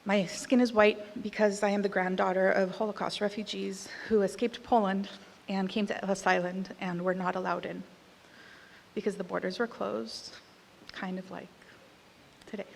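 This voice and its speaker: A Costa Rican woman in her thirties with an American accent gives a candid, conversational awards speech in a large, reverberant hall. Her medium-pitched, gravelly voice has little pitch movement at normal speed, and she adds some emphatic punches. There is slight background noise.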